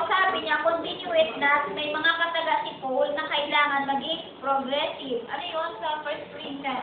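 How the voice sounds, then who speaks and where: High-voiced woman teaching in an echoey hall. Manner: keeps repeating "sabi niya" while retelling a preacher's points. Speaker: Bible study teacher. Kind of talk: Bible study teaching. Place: chapel hall. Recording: tinny, echoey, distant lo-fi hall recording.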